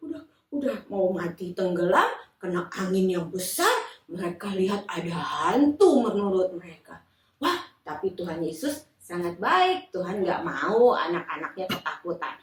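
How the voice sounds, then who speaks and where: A woman teaching children in a Sunday school service, telling a Bible story in a lively, animated way. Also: lowish voice, moderate pace. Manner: lively and animated, addressing kids. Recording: echoey church room, mic far off.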